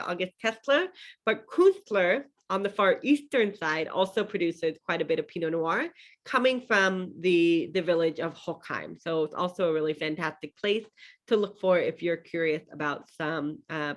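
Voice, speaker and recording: A woman's voice: on the low side, normal speed. A young adult woman teaching an online wine class in a casual lecture style, with many fillers and restarts as she walks through slides. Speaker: wine educator.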